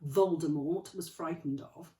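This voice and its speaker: A woman's voice: low voice, mellow. A woman voicing Professor McGonagall, stern and clipped. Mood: impatient. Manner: brisk, clipped and impatient. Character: stern older female witch professor, anxious. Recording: echoey room, distant mic.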